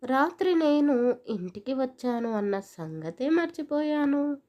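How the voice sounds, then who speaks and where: A woman's voice: sits high, expressive, measured pace, dull audio. A woman voicing a brusque, impatient young husband in an audio story, with curt, scolding lines. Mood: fretful.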